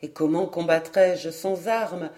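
A woman voicing a kindly middle-aged male doctor who speaks in a measured, reassuring, good-natured way in an audiobook. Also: on the low side, dark tone, voice pushed down.

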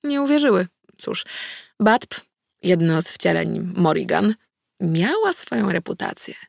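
A woman narrating a first-person novel for an audiobook. Her reading is measured and even, with a strong gravelly fry in her voice. The sound is dry and close, with no room around it. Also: on the low side, dry recording.

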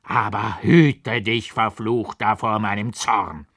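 A man voicing a furious, half-mad older monk who shouts curses, read as a dramatic audiobook. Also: on the low side, fairly even intonation, slow pace, no echo, studio quality. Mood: furious shouting. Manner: shouting in fury. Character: raging mad older male monk, wild and threatening.

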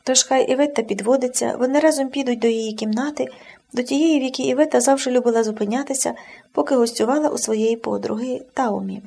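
A woman narrating an audiobook in an expressive, measured reading. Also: a little high, gravelly, husky.

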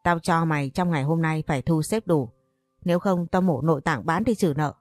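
A woman's voice: low voice, fairly quick, darkish tone, dry recording, faint music behind, lightly acted. A woman voicing a ruthless male loan shark. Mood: menacing. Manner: blunt, menacing threats.

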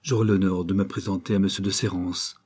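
A man voicing a respectful, ardent young suitor in an audiobook of a novel, with a warm and restrained, pleading delivery. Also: low voice, flat delivery, fairly quick, slightly rough. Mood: grateful.

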